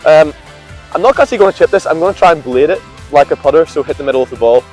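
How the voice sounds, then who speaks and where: A man's voice: on the high side, expressive, racing, darkish tone, soft background music. A young man chatting casually and commenting on his golf round outdoors, sounding hungover and short of sleep. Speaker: golf vlogger. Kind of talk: casual chat and on-course commentary.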